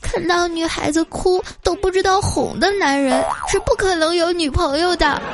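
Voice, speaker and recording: Tiny kid voice, sky-high and weepy, know-it-all, over music. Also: female voice, moderate pace. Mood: tearful. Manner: sobbing, matter-of-fact. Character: tearful precocious little child. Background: background music.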